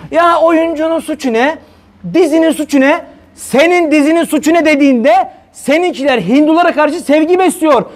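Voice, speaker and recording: A male preacher delivers a fiery religious talk to viewers, hurling rhetorical questions at them. His voice is very high and slightly mellow.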